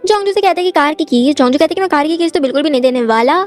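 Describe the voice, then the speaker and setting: High-voiced woman narrating a drama recap. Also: lively intonation, racing, a little mellow. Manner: repetitive storytelling phrases. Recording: faint background music.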